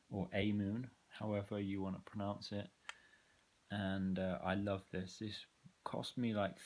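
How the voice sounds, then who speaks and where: Slow, low-voiced man walking through his pedals. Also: creaky. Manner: loose and rambling, frequent ums, candid opinions. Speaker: musician showing his effects pedals. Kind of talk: casual gear walkthrough.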